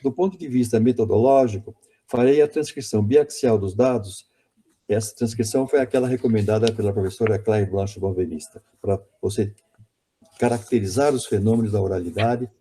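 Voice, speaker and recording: A man's voice: lowish voice, brisk, warm tone, slightly rough. A man giving an academic conference lecture on linguistics, hesitant and self-correcting, often repeating words.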